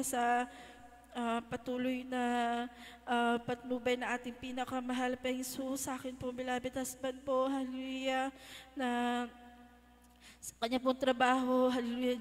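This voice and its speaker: A young woman speaks a church testimony in a high, strikingly flat voice, halting and polite, dropping a hallelujah between phrases. Her voice rings with the long reverb of a church hall. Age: young adult. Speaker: church member giving testimony. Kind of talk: religious testimony.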